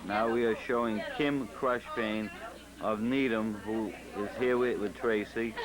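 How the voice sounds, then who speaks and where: A man's voice: on the low side, fairly even intonation, a little slow. Man, home video cameraman, casual commentary, coaxing guests, busy crowd chatter, old camcorder sound. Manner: coaxing, directing people to pose. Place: busy restaurant party, behind the camera. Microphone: camcorder microphone.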